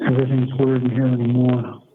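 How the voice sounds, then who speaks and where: A man's voice: medium pitch, completely flat delivery, quick pace, background noise. A man speaking from prison over the phone, subdued and weary, heard through a tinny prison phone line. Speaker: inmate calling.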